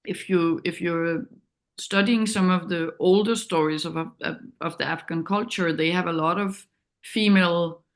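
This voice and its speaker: Reflective and hesitant, a Danish woman with a Danish accent speaks as an interview guest about directing documentaries, often searching for words. Her voice is on the low side, steady in tone, and slightly slow.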